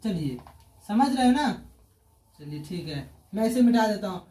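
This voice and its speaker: A man's voice: sits high, sing-song, moderate pace, mellow. A male teacher, giving an online grammar lesson. He asks questions and answers them himself, repeating key terms. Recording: roomy echo, distant from the mic.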